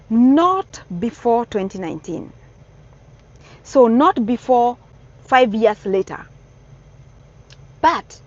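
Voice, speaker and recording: A middle-aged Kenyan woman with a Kenyan accent earnestly gives casual advice to newcomers in a vlog, repeating her warnings for emphasis. Her voice is a little high with a darkish tone, and the sound is lo-fi.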